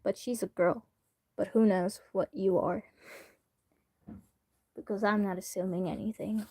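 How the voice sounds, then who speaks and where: In a dry recording, a woman streamer with a dark, mid-range voice chats casually with her viewers during a reaction livestream, keeping a steady tone and measured pace. She addresses chat directly, rambling and hesitating with plenty of fillers.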